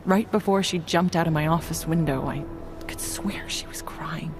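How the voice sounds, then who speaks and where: In a video game cutscene, a woman plays a soft-spoken therapist with a wry edge, shaken but resilient and haunted in mood. Her natural voice sits fairly low at a moderate pace, with loud music behind it.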